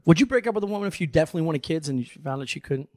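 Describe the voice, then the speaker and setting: A man's voice: a little high, expressive, racing, darkish tone, no echo, studio quality. A man in his forties, a podcast guest, bantering crudely and laughing in casual chat. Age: 40s. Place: living room studio with couches.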